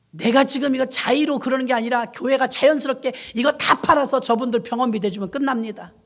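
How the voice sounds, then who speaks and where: A woman's voice: fairly high pitch, darkish tone, lightly acted. A woman preacher voicing a weary male rural pastor, praying in a pleading, exhausted, complaining way.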